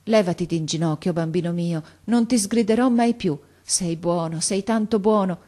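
A woman's voice: fairly low pitch, normal speed, warm tone, pitched above the performer's own voice, natural voice. A woman voicing a frightened old grandmother, trembling and pleading as she reads a story aloud. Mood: tender.

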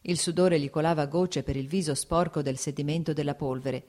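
This is scripted audiobook narration of a classic novel, read by a woman with a lower-pitched voice. Her literary delivery stays measured and even throughout.

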